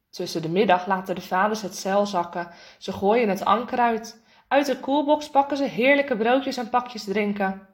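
A woman reading a children's storybook aloud in a lively way, acting out the characters' lines. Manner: lively, voices the characters' lines with raised pitch. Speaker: narrator.

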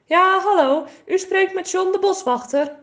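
A woman voicing a kind, friendly male forest ranger in a storybook, speaking slowly and soothingly. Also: very high voice, a bit bright, voice pushed up. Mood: kindly. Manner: slow, kindly, soothing.

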